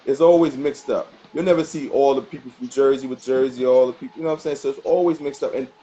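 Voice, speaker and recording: A man's voice: mid-range voice, steady tone, fast, dark tone. A man answering interview questions casually as a dog trainer, speaking colloquially and emphatically and repeating phrases to make his point. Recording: muffled sound with background noise.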